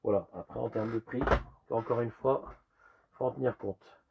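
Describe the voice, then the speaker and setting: A man with a rusty, hoarse voice worn by a lingering cough, casually presenting a collection in an informal, rambling show-and-tell. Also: mid-range voice, steady tone, normal speed, background noise. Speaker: retro game collector presenting a sale.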